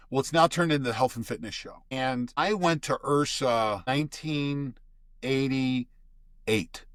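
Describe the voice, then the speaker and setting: A man's voice: mid-range voice, no echo, studio quality. An older man, a guest expert, explaining things in casual podcast talk and often restarting his phrases.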